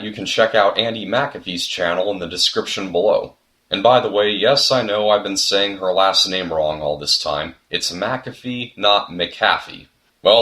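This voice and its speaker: A man's voice: low-pitched, a bit bright. Earnest young man narrating a video essay. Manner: earnest, reflective, with sudden comic outbursts. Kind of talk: scripted commentary narration.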